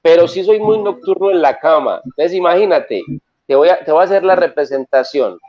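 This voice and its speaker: A Colombian male singer talks in an animated, storytelling way, his voice sitting a little high for a man. The sound is dull and lo-fi, like a remote line into the show. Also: a little fast. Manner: lively, storytelling, enthusiastic. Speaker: singer and songwriter guest. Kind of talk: casual interview chat.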